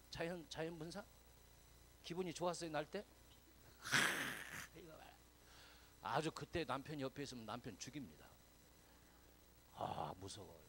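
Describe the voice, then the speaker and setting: Gravelly pastor, chatty and teasing. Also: male voice, mid-range voice, slight background noise, low-quality recording. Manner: chatty, teasing, quizzes the congregation; drops to whispers, swells loud for emphasis. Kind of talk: conversational sermon.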